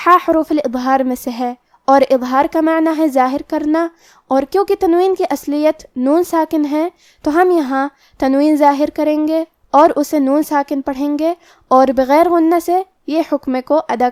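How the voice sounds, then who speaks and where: High-voiced woman teaching recitation rules. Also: darkish tone, dry recording, clean studio sound. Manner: slow, careful step-by-step instruction. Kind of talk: explaining tajweed rules.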